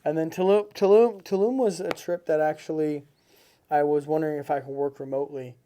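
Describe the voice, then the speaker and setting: Earnest, mellow-voiced man guest. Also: a little high, steady tone, fairly quick, a little hiss or hum. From Seattle, United States. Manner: earnest, repetitive emphatic phrasing. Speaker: podcast guest. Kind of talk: casual interview conversation.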